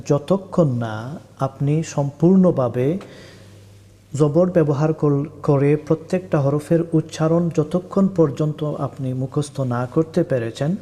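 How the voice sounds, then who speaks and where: A man gives a recorded Quran reading lesson, patiently drawing out each spelled syllable at a slow, unhurried pace. His voice is mellow and warm, and it rings with a long reverb as if from a large hall. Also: fairly high pitch.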